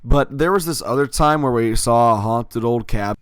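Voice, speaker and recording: A man's voice: mid-range voice, normal speed, clear, resonant tone, dry recording. A man telling a personal story in a casual, rambling way, with fillers and little self-corrections.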